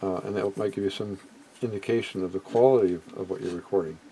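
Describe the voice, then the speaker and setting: A low-pitched, dark voice with a breathy edge belongs to a middle-aged or older vintage electronics hobbyist who speaks quickly with fairly even intonation. The audio is poor, a home recording with background noise. He demonstrates equipment hands-on and without a script, musing hesitantly and often dropping thoughts midway.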